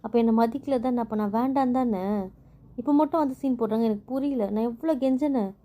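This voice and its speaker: A woman's voice: fairly high pitch, fast, warm tone, lightly acted. A woman playing a hurt, furious young wife who refuses her husband again and again, in an amateur audio drama. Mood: aggrieved. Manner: defiant, repeats her refusals, turns pleading with her brother.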